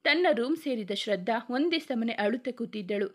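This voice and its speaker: A woman's voice: a little high, lively intonation, normal speed. A woman reading a dramatic story aloud as a storyteller, in her own voice, with light changes for the characters' lines. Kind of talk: scripted story narration.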